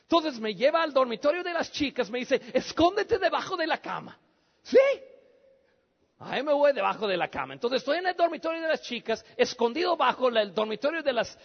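A Mexican man with a Mexican accent, a missionary preacher telling a story in an animated sermon that breaks into shouts. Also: very high voice. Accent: Mexican Spanish. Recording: dull lo-fi recording.

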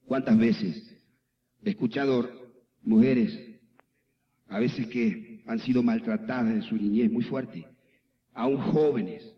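A man preaching a sermon as a pastor, acting out his talks with people and building to a passionate fervor. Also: medium pitch. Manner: impassioned preaching, acts out dialogue. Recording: echoey hall, dull lo-fi with music.

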